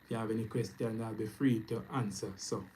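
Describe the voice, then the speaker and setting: A man from Jamaica with a Jamaican accent, chatting loosely on his first live stream and giving upbeat shout-outs to viewers. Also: on the low side, steady tone, brisk, a little hiss or hum, low-quality recording. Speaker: YouTube trading streamer. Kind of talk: casual live stream chat. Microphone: camera mic, speaking to camera.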